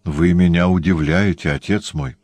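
A man's voice: low voice, fairly even intonation, moderate pace, darkish tone, no echo, close to an everyday voice. A man voicing a devoted young woman at a dying man's bedside, speaking firmly and reproachfully. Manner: firm, reproachful.

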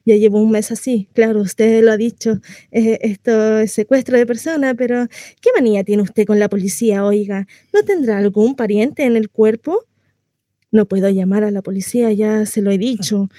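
Playing the housebound housewife again, she speaks to a neighbour in a radio monologue, naive, confiding, and rambling with rhetorical questions, now sounding defensive. Her very mellow, mid-pitched voice stays close to an everyday one at a moderate pace. The recording is dry, with no echo.

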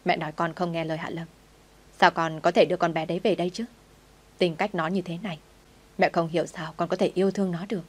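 A woman's voice: fairly low pitch, little pitch movement, fast, lightly acted. A woman reading the lines of a stern aging mother who scolds her grown son. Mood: reproachful. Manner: reproachful, scolding.

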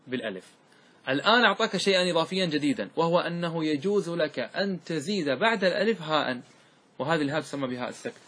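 A man with a slightly high, husky voice lectures on grammar to a class. He quizzes his students again and again, repeats each key point, and stretches the example words out syllable by syllable. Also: fairly bright tone. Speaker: Arabic grammar teacher.

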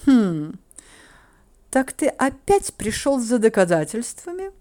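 A woman's voice: fairly high pitch, sing-song, takes it slowly, warm tone, voice pushed up. A woman voicing a stern, haughty duchess who speaks sharply, in an audiobook read.

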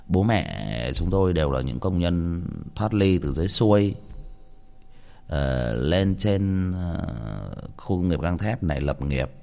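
Male storyteller, low voice with a lively swing, casual and crude. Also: slow. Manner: crude, colloquial and animated.

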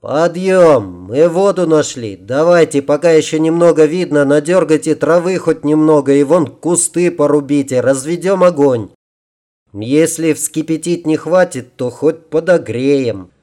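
A man's voice: fairly high pitch, lively intonation, measured pace, dark tone. A man voicing a practical, determined young man who leads a weary group with a commanding manner, in a storybook reading.

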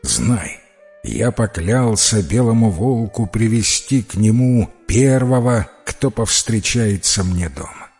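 A man's voice: on the low side, lively intonation, slow pace, a little mellow, faint music behind. A man voicing an anxious, loving father in a fairy tale, speaking in an emotional, lamenting way. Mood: grave.

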